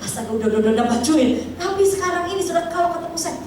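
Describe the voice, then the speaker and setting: High-pitched woman pastor in her 40s, chatty lively sermon, really echoey hall. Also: very fast, slight background noise. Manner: lively and chatty, often addressing the congregation. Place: church hall. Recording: echoey hall, distant mic.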